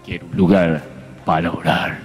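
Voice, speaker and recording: Brief: a pastor doing a gloomy, aloof preacher, voice dropped low and tomb-like. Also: male voice, level tone, moderate pace, soft background music, natural voice. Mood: solemn. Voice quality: deep sepulchral voice. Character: solemn aloof visiting preacher, man, deep ghostly voice.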